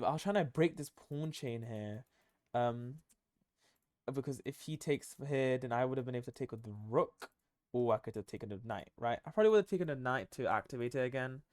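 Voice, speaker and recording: A man's voice: mid-range voice, no echo, studio quality. A tired young man commenting on his own chess game, thinking aloud with many ums and self-corrections. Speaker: chess streamer.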